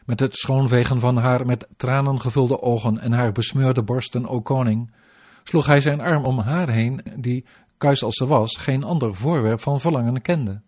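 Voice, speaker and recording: Male narrator for devotional scripture reading, measured and formal. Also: medium pitch. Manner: even, formal, measured delivery.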